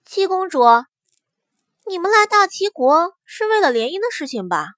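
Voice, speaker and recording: A woman acts out an aloof, sharp young woman with a bright, raised voice. She is cool but kind and teases lightly, told as a storybook. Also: extremely high pitch, big pitch swings, moderate pace, no echo, clean studio sound, voice pushed up, full character voice. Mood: curious teasing.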